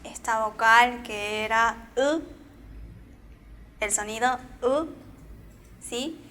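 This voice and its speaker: A woman teaching a beginner language class with an Argentine accent, drilling syllables slowly and checking in with her students after each step. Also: fairly high pitch, bright, forceful tone, a little hiss or hum. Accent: Argentine Spanish. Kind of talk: slow, patient beginner language lesson.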